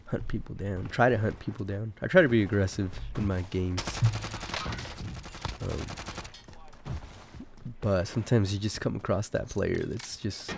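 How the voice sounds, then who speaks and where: A man with a low, gravelly voice rambles casually as he comments on gameplay. He sounds sick and keeps clearing his throat, swearing freely as he talks. The recording carries a steady hiss of noise behind him. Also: a little slow, long pauses. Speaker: gaming commentator.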